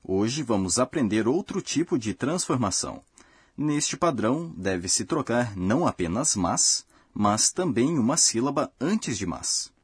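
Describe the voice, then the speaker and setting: A man narrating a language lesson in a calm, measured, explanatory way, as a dry studio voice-over. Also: medium pitch, slightly rough, no echo. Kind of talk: scripted educational narration.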